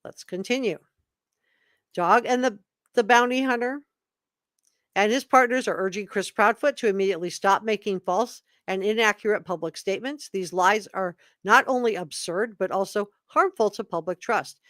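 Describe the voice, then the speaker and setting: A woman's voice: medium pitch, normal speed, fairly bright tone, no room sound. Emphatic woman livestream commentator, dry close sound. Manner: emphatic, repeats key words for effect; opinionated, informal asides between read passages. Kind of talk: live commentary, reading statements aloud to chat.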